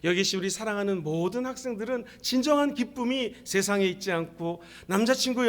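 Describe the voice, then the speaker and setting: A middle-aged male guest pastor preaching a lively, jokey sermon at a university church service and calling on the congregation to respond. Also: high voice. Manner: animated, jokey, calls for audience response.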